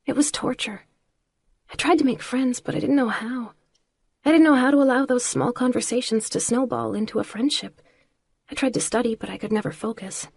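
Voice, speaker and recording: A woman voicing a troubled, withdrawn young woman who speaks in a hushed, wavering whisper. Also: fairly high pitch, husky, dry recording, voice pushed up. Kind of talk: audiobook character voice.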